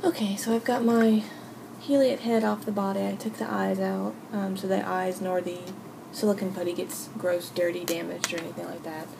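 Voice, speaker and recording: A woman hosting a casual, unscripted craft tutorial, talking informally and haltingly as she thinks aloud. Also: mid-range voice, level tone, vocal fry. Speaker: hobby video host. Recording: noisy home recording.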